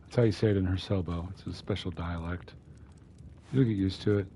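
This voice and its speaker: Low gravelly man narrating his gameplay. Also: fairly even intonation, a little fast, mellow, a little hiss or hum. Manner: muttering to himself, wry asides. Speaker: game streamer. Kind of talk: casual gameplay commentary.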